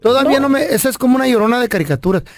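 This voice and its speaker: A man with a high, dry voice plays a prank phone call, talking in a deadpan, mock-businesslike way that keeps slipping into play. He is a radio show host. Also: racing, dry recording.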